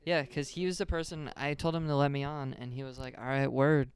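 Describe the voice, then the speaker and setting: A man's voice: fairly high pitch, fast talker. A young man co-hosting a casual podcast, talking in a laid-back, rambling way and laughing often. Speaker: podcast co-host. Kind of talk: casual chat. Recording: static on the mic.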